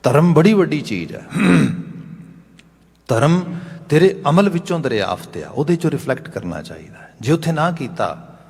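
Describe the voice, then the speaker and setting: A man giving a Sikh religious discourse, slowly chanting scripture lines and retelling a parable with its dialogue. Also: a little high, very animated, darkish tone, breathy edge. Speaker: Sikh preacher giving katha. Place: gurdwara hall. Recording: long hall reverb.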